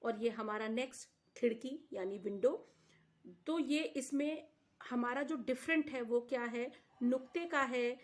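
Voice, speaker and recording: Woman, teacher, fairly high voice, patient lesson tone, repeats words. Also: a little slow. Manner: addresses viewers as students and "beta", repeats words for drill. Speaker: Urdu teacher. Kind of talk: slow explanatory language lesson.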